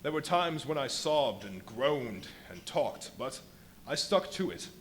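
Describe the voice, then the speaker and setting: Radio drama: male actor as boastful, unstable invisible scientist, animated middle-register delivery, dramatic pauses, live recording with slight background noise. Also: medium pitch, natural voice. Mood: anguished, intense. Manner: dramatic, literary phrasing with emphatic pauses. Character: the Invisible Man, a feverish, boastful, volatile male scientist recounting crimes. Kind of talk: live radio play monologue, theatrical storytelling. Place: live performance at a brewery venue. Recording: live stage performance with audible background noise.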